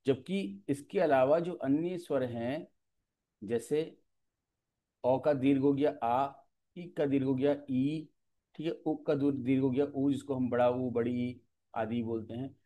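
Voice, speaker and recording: A man teaching an exam-prep lecture, explaining step by step and often pausing to check that students follow. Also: medium pitch, fairly even intonation, warm tone.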